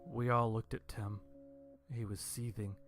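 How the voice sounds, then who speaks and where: A man narrating a first-person horror story in a dry, deadpan way. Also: mid-range voice, a little slow, faint music behind.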